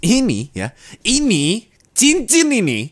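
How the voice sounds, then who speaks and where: This Indonesian ASMR roleplay, addressed to the listener, features a young adult man as a husband talking intimately and colloquially to his wife on a close studio microphone. Affectionate at first, he becomes angry and scolding, speaking slowly in a high-pitched, exaggerated voice with huge pitch swings.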